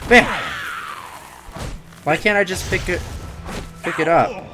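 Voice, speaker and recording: A man hosting a gaming video, giving casual, excitable commentary with yelps and jokes about the game. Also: sits high, normal speed, over music.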